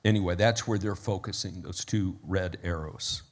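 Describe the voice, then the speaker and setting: A man's voice: sits low, moderate pace. Man preaching a sermon with building passion. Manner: storytelling with rising intensity, then soft prayer. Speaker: pastor. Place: church sanctuary.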